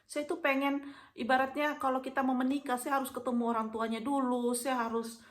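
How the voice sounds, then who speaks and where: A woman's voice: high-pitched, little pitch movement, fairly quick. A young adult woman vlogger, casually telling a personal story to her viewers and acting out the dialogue as she goes. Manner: chatty, addresses viewers often, acts out dialogue.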